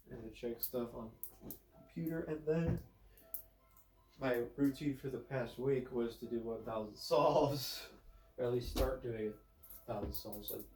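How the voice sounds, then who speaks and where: A man's voice: mid-range voice, darkish tone. A man talks casually to his vlog with the blocked, stuffy nose of someone who has a cold. He rambles and corrects himself as he thinks aloud. The room rings with echo, and faint music sits behind him. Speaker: vlogger with a YouTube channel. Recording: echoey room.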